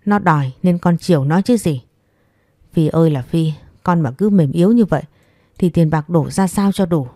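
A woman's voice: deep voice, dark tone, dry recording, studio quality. A woman voicing a stingy old mother-in-law who nags and scolds harshly. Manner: harsh, nagging, contemptuous.

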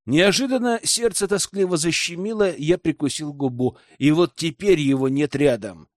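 A man narrating a fantasy audiobook in the first person, expressive and wry. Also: a little high, moderate pace, no room sound, clean studio sound.

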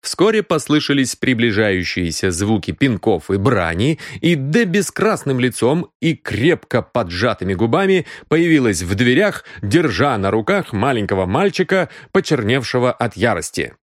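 A male audiobook narrator reading a story with lively, swinging pitch. The recording is close and dry, with nothing of the room in it. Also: normal speed, few pauses, dry recording. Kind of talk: scripted narration.

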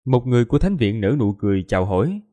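Male audiobook narrator, warm dark tone, steady storytelling. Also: mid-range voice, very fast.

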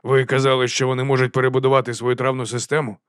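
A man voicing a gloomy, curt middle-aged watch captain in an audiobook, speaking slowly. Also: medium pitch, little pitch movement, smooth, no echo, studio quality, close to an everyday voice. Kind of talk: audiobook character voice.

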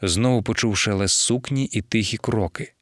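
A man narrating an audiobook in a measured, expressive storytelling manner. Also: fairly low pitch, no echo, clean studio sound. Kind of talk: audiobook reading.

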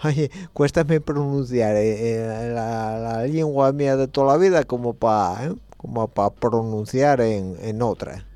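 A man's voice: mid-range voice, measured pace, few pauses, mellow. A man with an Asturian accent hosting a late-night community radio show, musing in a rambling way with slightly slurred speech and a frequent questioning tag. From Asturias, Spain.

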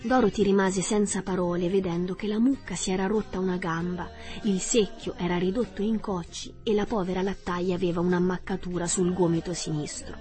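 A woman narrating a story aloud in calm, measured audiobook style. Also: lowish voice, soft background music. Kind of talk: audiobook reading.

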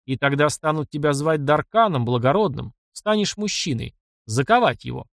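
A man voicing a cruel, vengeful old nomad chieftain who speaks in slow, growling commands. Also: on the high side, lively intonation, creaky, a bit bright, dry recording, studio quality. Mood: cold menace.

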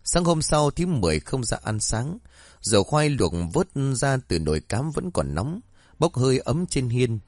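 Expressive male ghost story narrator. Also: medium pitch, normal speed, no echo, clean studio sound.

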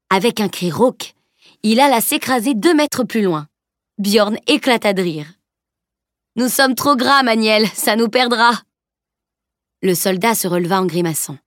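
A woman narrating an audiobook in a steady, even storytelling manner. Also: mid-range voice, no room sound, clean studio sound. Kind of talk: scripted narration.

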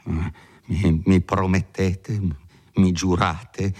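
A man's voice: deep voice, little pitch movement, extremely slow, darkish tone, exaggerated voice. A man voicing a timid, anxious elderly village priest who pleads and frets, sometimes falling to a whisper. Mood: frightened pleading. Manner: pleading, fretful, drops to whispers.

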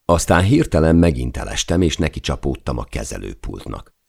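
In an extremely low, gravelly voice, a man reads a first-person audiobook. His narration stays calm, measured, steady and deliberate from start to finish.

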